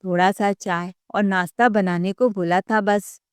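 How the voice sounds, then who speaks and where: A woman's voice: medium pitch, fairly even intonation, unhurried, smooth, no echo, natural voice. A woman narrator plays a grown elder brother, stern and rebuking, his words clipped and harsh. The delivery is dry and close-miked. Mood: stern angry. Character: angry protective elder brother, adult man.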